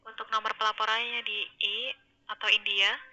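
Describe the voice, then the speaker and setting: A woman's voice: medium pitch, little pitch movement, a little fast, sharp tone. A woman speaking as a call centre agent in a polite, formal customer service voice over a muffled phone line.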